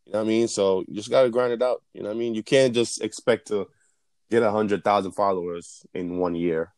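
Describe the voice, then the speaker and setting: A man's voice: lowish voice, fairly even intonation, a little fast, darkish tone, no room sound. Slangy frat-bro man, close dry sound. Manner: slangy, swearing frat-bro talk, addressing others as bro and man. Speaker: co-host answering follower questions. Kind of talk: casual unscripted chat answering listener questions.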